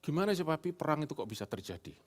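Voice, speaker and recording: A man's voice: fairly high pitch, big pitch swings, very fast, pitched above the performer's own voice. A man doing a curious little boy. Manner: rambling, questioning, then shouting. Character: curious young boy asking his dad.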